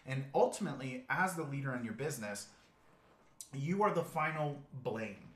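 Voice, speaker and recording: A man leads a live coaching session for business owners. He talks in an earnest, steady way, repeats his key phrases and checks in with the listeners often. His voice sits in a middle pitch, and the room adds a clear echo. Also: moderate pace. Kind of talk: live webinar presentation.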